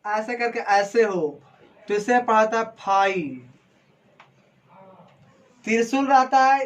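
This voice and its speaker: Teacher asking and answering questions. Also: medium pitch. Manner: asks the class questions, then answers them, slow and deliberate. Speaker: coaching class teacher. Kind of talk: classroom lecture, explaining physics prefixes and Greek symbols.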